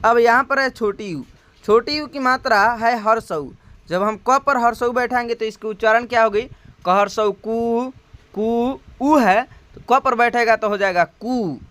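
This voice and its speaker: A man with a Hindi accent teaching the Hindi syllable chart in a slow classroom manner, drawing out each sound and asking rhetorical questions. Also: very high-pitched, bright, forceful tone, clean tone, no echo. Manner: drawn-out spoken syllables, repeated rhetorical questions.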